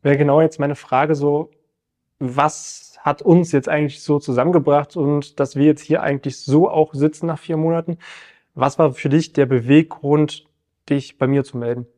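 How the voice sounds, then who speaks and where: A man's voice: on the high side, fairly even intonation, moderate pace, mellow. A man hosting a health coaching podcast, asking friendly questions and summarizing his guest's answers. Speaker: podcast host and nutrition coach.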